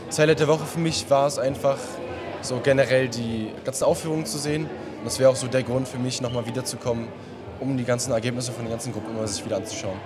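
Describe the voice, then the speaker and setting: A young man answers interview questions hesitantly, filling pauses often. Clear music plays in the background. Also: mid-range voice, steady tone. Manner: hesitant, filler-heavy. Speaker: festival participant.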